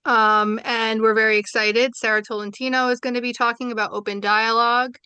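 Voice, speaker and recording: Wrapping up a webinar by video call, a seminar moderator from Brooklyn with a New York accent, an adult with young children, delivers her closing remarks chattily and enthusiastically, full of fillers. Her slightly high voice is pushed and bright with a level tone, fairly quick, and clean with no echo.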